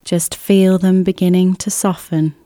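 A woman guides a relaxation exercise in a mellow, smooth voice. She moves very slowly through each scripted instruction, gentle and soothing, leaving unhurried pauses. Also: on the low side, flat delivery, no echo, clean studio sound. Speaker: relaxation therapist guiding an exercise. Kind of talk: scripted guided relaxation, body scan meditation.

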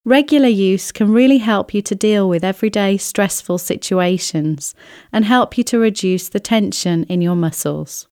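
A woman reading a scripted guided relaxation as a therapist, in a soothing, gentle way with long, unhurried pauses. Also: mid-range voice, smooth, no echo, studio quality. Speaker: relaxation therapist guiding an exercise. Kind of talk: scripted guided relaxation, body scan meditation.

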